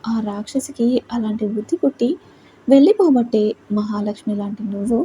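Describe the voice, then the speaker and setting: A woman's voice: on the high side, a little fast, mellow, a little hiss or hum, close to an everyday voice, poor audio. A woman voicing an elderly grandmother who talks fondly and asks worried questions. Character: elderly grandmother, fond and fretful.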